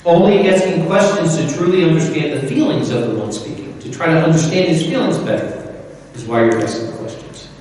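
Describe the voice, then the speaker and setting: Guy preaching casual and folksy, repeats himself a lot, voice a bit high, sounds far off in a big hall. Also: animated, brisk, darkish tone, slight background noise. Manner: conversational, repetitive, folksy. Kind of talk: sermon.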